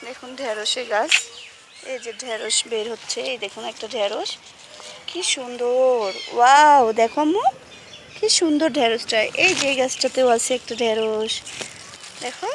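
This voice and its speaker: A woman, filming at a zoo and gently coaxing her small child while pointing things out. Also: fairly high pitch, moderate pace. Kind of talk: casual vlog narration. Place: outdoors at a zoo garden. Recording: noisy outdoor ambience.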